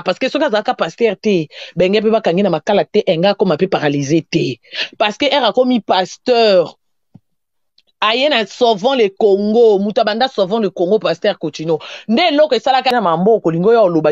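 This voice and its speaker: A woman's voice: medium pitch, fairly quick, a little mellow, no room sound. Scolding woman commentator, dull sound. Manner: scolding, lecturing. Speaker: online gossip commentator. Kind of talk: casual commentary. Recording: dull muffled recording.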